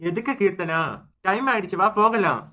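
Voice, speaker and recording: A man's voice: sits high, a little fast, sharp tone. A man doing a flustered cartoon husband with a Kanyakumari accent. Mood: impatient. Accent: Kanyakumari Tamil. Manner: wailing, complaining. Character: flustered husband, a doctor, panicky and whiny.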